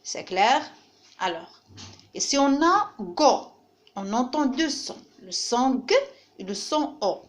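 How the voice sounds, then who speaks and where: Slow, patient woman teaching phonics. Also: a little high, animated. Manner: slow, patient, repeating each word and syllable. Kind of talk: French phonics lesson for children.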